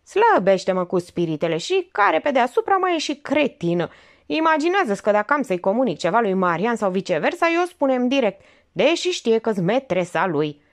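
Audiobook role: jealous young mistress, hot-tempered, high and animated, read by a woman. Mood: angry. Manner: sharp, indignant outbursts.

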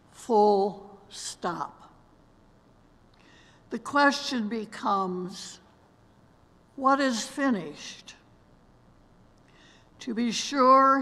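In a large church sanctuary, an older female worship leader with a fairly bright, somewhat high voice reads a solemn meditation and prayer from a lectern. She sits among the robed choir, and her slow scripted reading echoes with long reverb.

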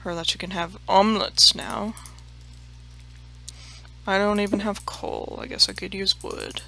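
A woman's voice: mid-range voice, steady tone, measured pace, vocal fry, pushed and bright. A woman hosting a let's play, chatting casually and mocking herself, swearing freely and dropping into murmured half-whispered asides. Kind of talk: casual gameplay commentary.

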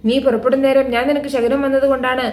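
A woman's voice: high-pitched, little pitch movement, fast talker, a little mellow, close to an everyday voice. A woman voicing a doting middle-aged mother who frets over her injured son, read out plainly in a storytelling recap. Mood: fretful. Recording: echoey room.

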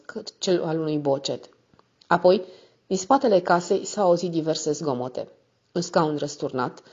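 Woman reading an audiobook, low voice, steady, bit muffled sound. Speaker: audiobook narrator. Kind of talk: scripted first-person novel narration. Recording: slightly muffled recording.

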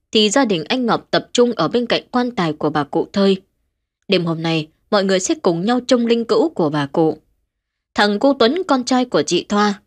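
A woman narrating a ghost story in a steady, measured storytelling voice. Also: medium pitch.

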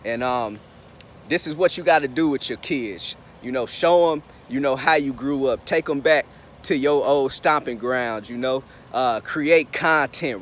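A vlogger and business mentor in his thirties from Indiana gives an upbeat, preachy pep talk, filming himself with a phone camera at arm's length. He starts outdoors by schools, then moves inside a pickup truck, keeping it to casual motivational vlog talk. His voice is medium-pitched, with a little hiss or hum in the audio.

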